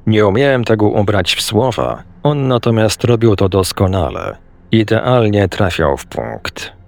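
A man's voice: lowish voice, animated, measured pace. A man narrating a first-person story in an earnest, reflective manner.

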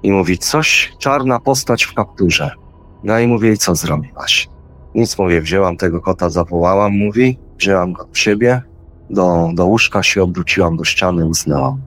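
A man's voice: low voice, moderate pace. A man telling a personal experience in casual, rambling speech, acting out his own quoted words as he goes. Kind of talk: casual spoken storytelling.

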